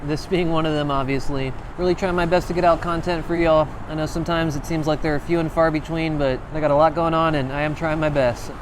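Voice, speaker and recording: A man's voice: on the high side, level tone, a little fast, hardly any pauses, noisy background. A man narrating a casual travel vlog, chatty and informal, talking straight to his viewers. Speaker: travel vlogger.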